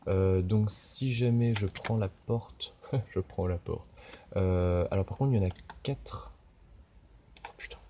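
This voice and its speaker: Brief: low-voiced male tutorial host, chatty and self-mocking, swears a lot, keyboard clatter audible behind him. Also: noisy background. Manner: rambling, self-mocking, frequent swearing and fillers. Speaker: game developer tutorial host. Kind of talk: casual thinking-aloud screen tutorial. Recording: keyboard typing and clicks behind.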